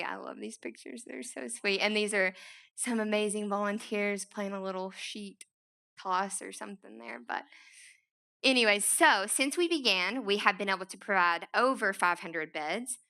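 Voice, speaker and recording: A young woman giving a talk to an audience in a large room, telling her own story in a chatty, animated way with many fillers. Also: mid-range voice, moderate pace, creaky, smooth. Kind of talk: conference talk.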